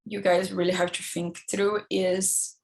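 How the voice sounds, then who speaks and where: A young woman with a Brazilian accent, an egg donor speaking earnestly on a panel in slightly halting English. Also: lowish voice, flat delivery, darkish tone. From southern Brazil. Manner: earnest, slightly halting, non-native phrasing. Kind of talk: personal account on a panel.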